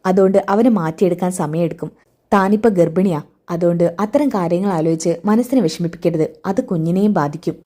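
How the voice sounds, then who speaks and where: A woman reading the part of a calm, caring young man who soothes a pregnant relative. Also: lowish voice, a little fast, lightly acted. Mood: reassuring. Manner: soothing, reassuring, turns flustered when hiding things.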